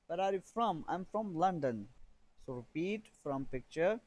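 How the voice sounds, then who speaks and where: A man teaching a beginner English lesson, reading drill sentences slowly and repeating phrases for learners to copy. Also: fairly high pitch, expressive, darkish tone, low-quality recording.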